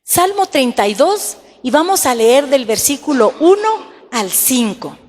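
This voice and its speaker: Lady pastor preaching, high voice, long echo like a big church hall. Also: very animated, darkish tone. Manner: slow, emphatic preaching with rhetorical questions to the congregation. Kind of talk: sermon.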